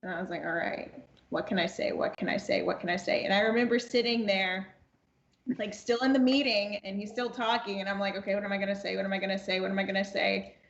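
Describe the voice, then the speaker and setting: In an echoey room with the highs cut off, a woman in her twenties tells a casual anecdote as a podcast guest and amateur voice actress. Her mid-range voice is steady, quick, and creaky, and she acts out quoted dialogue and repeats phrases as she goes.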